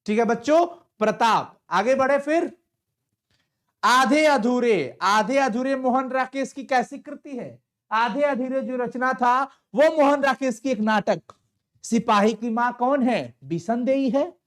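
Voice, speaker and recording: A man's voice: very high voice, takes it slowly. A man teaching a live online exam-prep lesson, quizzing students and repeating each answer with playful asides.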